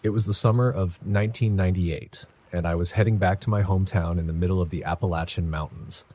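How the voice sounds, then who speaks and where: A man reading a first-person horror story in a measured, somber scripted narration. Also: sits low, fairly even intonation, warm tone, breathy edge.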